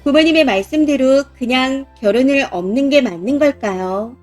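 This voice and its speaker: A woman narrates a story in the first person, reading it aloud at a steady pace. Her voice sits high, and faint music plays underneath. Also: normal speed.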